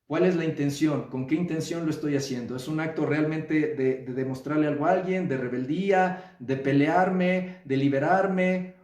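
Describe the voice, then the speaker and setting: Mexican male therapist, slightly high voice, heard from a distance in a roomy, echoey space. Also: darkish tone. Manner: measured, repeats phrases, checks in with listeners. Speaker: psychotherapist. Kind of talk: reflective live talk. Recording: roomy echo, distant mic.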